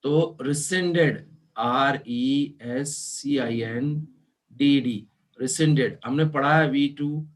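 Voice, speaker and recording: A man teaching an online class, explaining slowly and spelling words out letter by letter, mixing in English terms. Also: mid-range voice. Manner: mixes Hindi with English terms. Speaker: law teacher.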